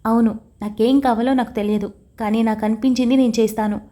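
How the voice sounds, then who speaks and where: A woman's voice: a little high, steady tone, quick pace, warm tone, natural voice. Torn tearful young wife, as a woman narrator reads her. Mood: tense.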